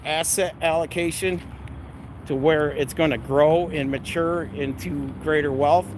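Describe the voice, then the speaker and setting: A man's voice: a little high, steady tone, measured pace. Blunt middle-aged man vlogging over noisy ambience. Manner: blunt, salty, self-described abrasive. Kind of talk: casual rambling vlog talk. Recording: noisy outdoor or vehicle ambience.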